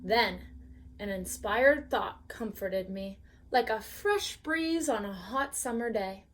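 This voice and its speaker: Slow, gentle woman reading a bedtime story. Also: medium pitch. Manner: slow, gently expressive reading with questions to the listener. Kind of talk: reading a picture book aloud.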